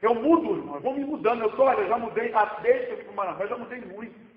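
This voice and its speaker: A man's voice: extremely high pitch, lively intonation, rapid-fire. Man, pastor, sermon, emphatic, dull lo-fi echoey recording. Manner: emphatic, with swings between loud exclamations and quiet asides. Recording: echoey hall, dull lo-fi sound.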